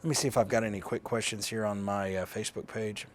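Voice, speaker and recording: With a low-leaning, steady voice and a quick pace, an American man walks through a weather radio programming demo over a slight hiss or hum. He keeps it conversational and homespun, working things out aloud on the spot.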